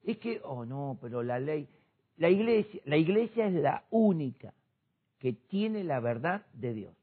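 A man, a pastor discussing faith with impassioned preaching that rises to shouts. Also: a little high, very animated, unhurried, breathy edge. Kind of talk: church discussion program. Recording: tinny phone-like sound.

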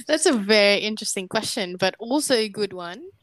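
A woman's voice: medium pitch, expressive, normal speed, a bit bright, no room sound. A woman in her early thirties, from Indonesia, co-hosting a casual podcast and telling stories in an easygoing, chatty way. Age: early 30s. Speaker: podcast co-host.

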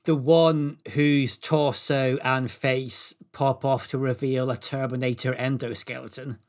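A man lays out ridiculous facts with a straight, deadpan delivery, as if reading from notes. His voice has a middling, ordinary pitch. His timing stays dry and unhurried. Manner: deadpan, reads prepared facts evenly. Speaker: co-host presenting the topic. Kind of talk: deadpan comedic explainer.

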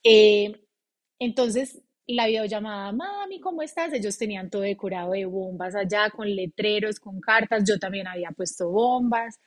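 A woman's voice: mid-range voice, steady tone, moderate pace. A woman, a podcast guest candidly recounting an emotional personal story.

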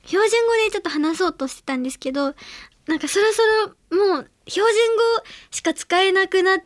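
Young woman, from Hiroshima, radio host, very high voice, chatty with small fillers, dry close sound. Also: fairly quick, dry recording. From Hiroshima, Japan. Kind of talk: solo radio segment talk.

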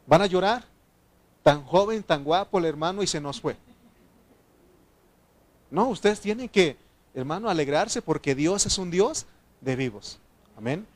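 A male preacher delivering a heartfelt sermon in church. His voice sits a little high for a man, sinking low and quiet when he speaks of his own grief, then climbing loud and urgent as he exhorts his listeners. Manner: emotional, swings from soft to loud.

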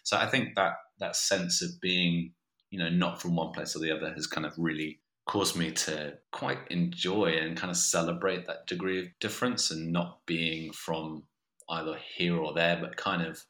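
Very deep-voiced man, modern Southern English accent. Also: steady tone, moderate pace, bright, forceful tone. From Australia. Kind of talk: reflective personal storytelling. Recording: roomy, echoey sound.

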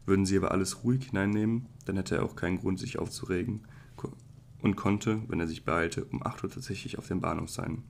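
Deep, gravelly male storyteller. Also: a little hiss or hum. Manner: measured, even reading with occasional slips. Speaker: audiobook narrator. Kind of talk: calm literary audiobook narration.

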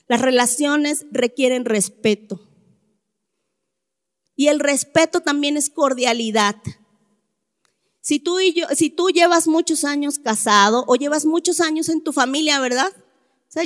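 A woman gives a talk to a live audience, her voice set high and her delivery slow and deliberate. She leans hard on key words and keeps turning to her listeners with rhetorical questions. A long echo from a hall follows every line. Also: a bit bright. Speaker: speaker addressing a church or group audience. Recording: echoey hall.

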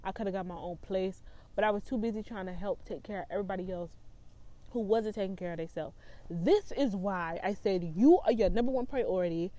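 A young woman in her twenties telling her own story to the camera in a vlog. She talks bluntly and emphatically, cursing freely, with a mellow, warm tone at an ordinary pitch. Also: fairly quick. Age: 20s. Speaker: vlogger.

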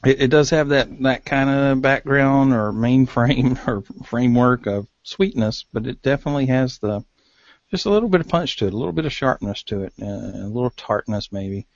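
A man with an Appalachian hillbilly accent co-hosts a casual podcast. His mid-pitched voice is recorded close and dry, with a slightly dull, lo-fi sound. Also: normal speed, no echo. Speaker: podcast co-host. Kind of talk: casual cigar talk.

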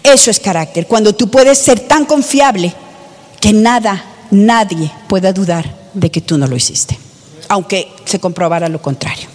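A woman's voice: medium pitch, normal speed, darkish tone. Woman preaching in a reverberant hall. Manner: emphatic, rhetorical questions to the congregation. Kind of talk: sermon.

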